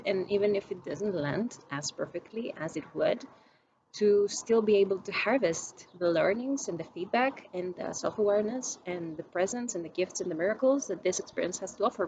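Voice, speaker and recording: Talking to camera, this young Greek vlogger muses reflectively, with many restarts as she looks for her words. Her voice is lowish, and the audio lacks high frequencies and has slight hiss or hum.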